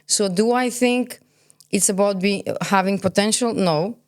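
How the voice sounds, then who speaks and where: A woman of about forty, a cosmetologist born in Kazakhstan and raised in Belgium, speaks candidly as a podcast guest in a medium-pitched, darkish voice at a measured pace. Opinionated and emphatic, she often poses questions and then answers them herself.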